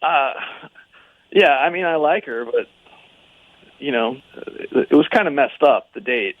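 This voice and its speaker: A man's voice: medium pitch, lively intonation, a little slow. A man talking casually over a phone line on speakerphone, hesitant and full of fillers. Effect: heard over a phone line on speakerphone. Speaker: radio show call recipient.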